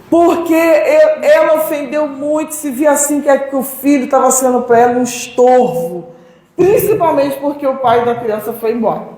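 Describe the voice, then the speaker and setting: A woman's voice: high-pitched, darkish tone. Woman telling a story in an echoey hall. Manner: conversational, with many restarts and quoted dialogue. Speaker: speaker at a spiritist talk. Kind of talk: personal story told in a public talk.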